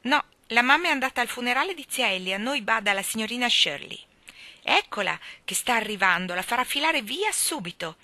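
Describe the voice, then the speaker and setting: A woman reading the part of a cheeky, defiant little boy who talks loud and demanding. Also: fairly high pitch, expressive, fairly quick, no room sound, voice pushed up.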